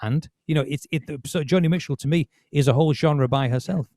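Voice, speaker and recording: A man's voice: fairly high pitch, fairly quick, darkish tone, dry recording, clean studio sound. A man hosting a podcast, talking casually about music with many restarts. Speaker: podcast host.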